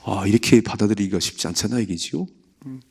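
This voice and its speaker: A male Korean pastor preaching at a dawn prayer service, with a low voice and a gravelly edge. He reads scripture aloud and then breaks into lively retellings, acting out the voices in the story. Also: quick pace. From South Korea. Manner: animated, acts out the story's voices. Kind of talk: early morning prayer sermon.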